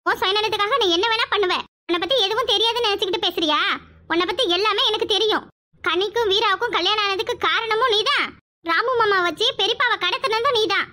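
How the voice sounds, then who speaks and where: A high voice playing a spiteful jealous young woman. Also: quick pace, sharp tone. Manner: curt, cutting.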